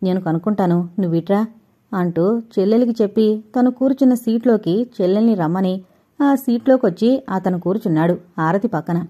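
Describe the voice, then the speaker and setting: A woman reading an audio novel aloud in steady storytelling narration. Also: mid-range voice, fairly quick. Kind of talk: scripted narration.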